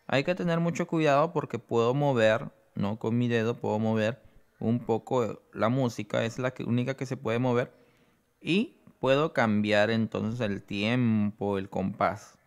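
A man presenting an app tutorial, explaining each step slowly and checking in with the listener. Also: medium pitch, smooth. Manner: explains slowly, often adds "¿no?".

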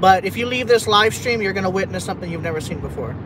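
A man's voice: high-pitched, lively intonation, fast. A man from Texas, live streaming from his car while driving at night, rambling and repeating himself as he vents half-jokingly. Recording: road noise from a moving car. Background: engine and road noise.

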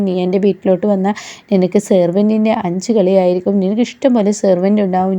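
A woman retells a TV serial episode in a relaxed, chatty way, quoting each character's lines in her own voice. Her voice is very dark and mellow, and the recording sounds a little dull and lo-fi. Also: medium pitch. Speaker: TV serial recap vlogger.

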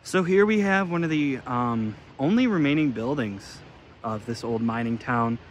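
A young man casually narrating an outdoor exploring vlog in snowy woods, talking in a relaxed, unsure way with plenty of fillers. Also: mid-range voice, normal speed, a little hiss or hum, low-quality recording. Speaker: vlogger.

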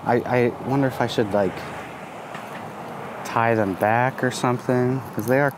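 A man in his thirties giving a relaxed, casual tour of his garden while filming outdoors on a phone held at arm's length, with plenty of ums and uhs. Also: mid-range voice, measured pace. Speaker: gardening vlogger. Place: outdoors in a sunny community garden. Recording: outdoor phone recording with traffic noise. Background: passing traffic and outdoor ambience.

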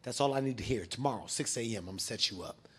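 A male comedian voicing a blunt older boxing trainer during stand-up, talking low, clipped and matter-of-fact. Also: expressive, quick pace, a bit bright, breathy edge.

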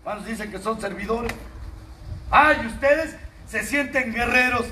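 A high-pitched man with a Mexican Spanish accent tells his story to a recovery group, crude and mocking, swearing at every turn. He sounds far from the mic in an echoing meeting room. Steady background noise runs under his voice. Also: measured pace. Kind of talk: profane testimony to a group. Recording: distant, roomy, noisy room recording.

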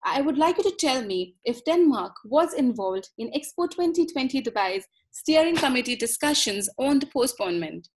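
Young woman host on a video call, slightly high voice, polite long questions. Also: animated, normal speed, few pauses, poor audio. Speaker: interviewer.

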